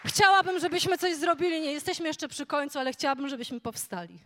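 A woman preaching a sermon, moving from soft storytelling to loud, fervent declarations. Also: sits high, fast talker, long reverb tail.

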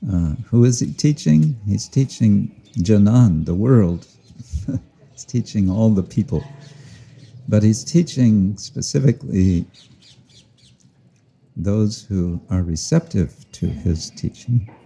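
Deep husky guy giving a slow devotional class outside, explains terms, laughs a bit. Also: expressive, mellow. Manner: slow, reflective, chuckles often, explains Sanskrit and Bengali terms. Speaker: spiritual teacher. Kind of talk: devotional talk, outdoors. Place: outdoors with listeners, sun overhead.

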